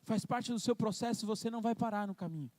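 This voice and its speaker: A man's voice: high-pitched, fast talker, a little mellow, dry recording. A young man with a Brazilian Portuguese accent, preaching a sermon in a church, telling a personal story with emotion and calling people forward to pray. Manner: storytelling, emotional, rising into fervent prayer call. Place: church hall.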